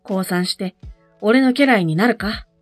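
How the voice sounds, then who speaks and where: A woman's voice: medium pitch, a little slow, faint music behind, natural voice. A woman voicing a bold, boastful young boy warrior who speaks in a commanding way in a storybook reading. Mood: proud. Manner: commanding, proud.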